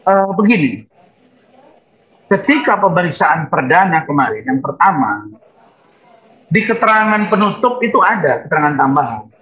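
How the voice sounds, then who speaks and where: A man's voice: fairly high pitch, very animated, moderate pace, pauses often. A man speaking as a lawyer at a press conference, emphatic and repetitive. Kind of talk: press statement and Q&A. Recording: dull lo-fi sound.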